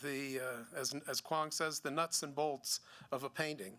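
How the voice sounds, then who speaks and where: A middle-aged man, a gallery owner giving a seminar talk, speaking haltingly with many restarts and fillers. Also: mid-range voice, fairly even intonation, pushed and bright. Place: museum seminar room.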